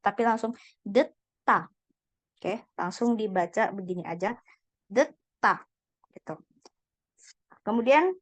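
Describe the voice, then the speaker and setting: A woman's voice: mid-range voice, dry recording. A woman teaching a Korean lesson, patiently repeating and drilling each syllable. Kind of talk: online language lesson.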